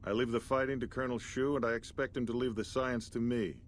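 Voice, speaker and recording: A man speaks fast in a natural, medium-pitched voice with fairly even intonation, playing a condescending scientist who is director of operations in a video game. The dialogue is pompous, formal and rhetorical as he talks down to the listener. The recording is noisy game audio with background ambience.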